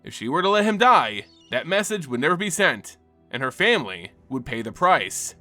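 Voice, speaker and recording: With a music bed playing under him, a man narrates a fantasy story for a lore channel in dramatic, scripted, theatrical fashion. His voice is a little high and sharp-toned, very animated, at a moderate pace.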